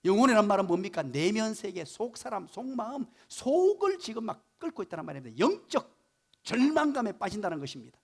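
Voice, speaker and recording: A male pastor preaching a Sunday morning sermon in a church, animated and full of rhetorical questions as he explains Hebrew words of the text. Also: high-pitched, fairly quick, creaky. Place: church sanctuary.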